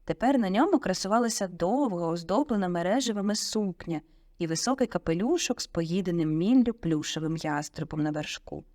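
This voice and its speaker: A woman narrating an audiobook in a vivid, expressive storytelling manner on a close studio mic. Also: on the low side, fairly quick, no echo.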